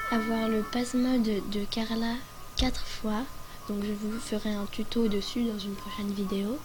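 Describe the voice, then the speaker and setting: A woman with a hoarse, sick voice giving an informal, explanatory tutorial voice-over. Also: on the high side, low-quality recording. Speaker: video creator presenting a game guide. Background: background music.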